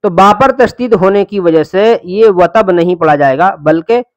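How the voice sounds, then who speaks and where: High-pitched guy teaching quran reading, spells each letter slowly then blends it, patient, dry sound. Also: no echo, dull audio. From India. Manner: patient explaining, corrects common student mistakes. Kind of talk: slow syllable-by-syllable Quran reading lesson.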